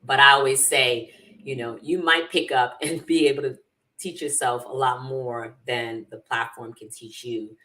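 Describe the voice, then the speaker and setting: A woman talks as an interview guest in a low, bright voice. She is animated, laughs easily and slips into Jamaican phrasing now and then. She sits a little away from the microphone. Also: unhurried, far from the mic, low-quality recording. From Jamaica, raised in New York. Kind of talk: casual interview chat.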